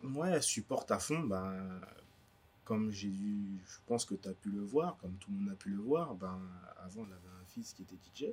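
A young man from Guadeloupe speaks in a deep, slightly husky voice. He answers interview questions casually, hesitating often and restarting his sentences. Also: animated, normal speed, a little mellow. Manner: hesitant, full of fillers and restarts. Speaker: DJ guest. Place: indoor cultural space in a bookstore.

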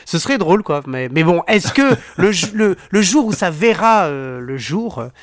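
A man's voice: high voice, expressive, moderate pace, dry recording, clean studio sound. A man hosting a podcast in casual chat, rambling with many fillers and restarts. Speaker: podcast host.

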